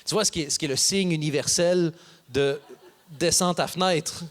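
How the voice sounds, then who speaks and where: A man performs stand-up comedy. His voice sits fairly high, and he jumps between voices to act out each person in his story. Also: brisk. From Canada. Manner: animated, acts out characters with voices. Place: theater stage before an audience.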